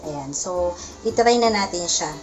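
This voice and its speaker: A woman doing a casual product demo, explaining in short bursts with frequent pauses, speaking into a condenser mic at home. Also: lowish voice, expressive, highs cut off, music in the background. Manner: talks in short explanatory bursts, often pausing. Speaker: product reviewer. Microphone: condenser mic through a sound card. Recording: noisy home recording.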